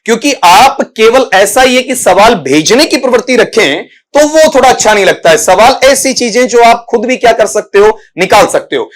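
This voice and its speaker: An extremely high-pitched, animated male English teacher runs an exam prep lesson, calling students "beta" and asking "theek hai?" after every point. He explains pronunciation slowly, breaking words down syllable by syllable.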